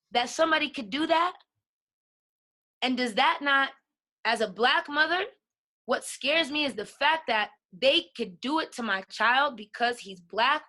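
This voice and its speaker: On a podcast, a female guest with a high, sharp voice talks with passion and emphasis. She keeps checking in by asking "right?" throughout the conversation.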